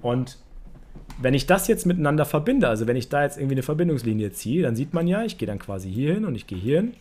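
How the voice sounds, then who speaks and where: A man's voice: mid-range voice, very animated, quick pace, darkish tone. A man giving a casual online poker lesson, talking straight to his viewers with lots of fillers. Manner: chatty, many fillers, addresses viewers directly. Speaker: poker coach.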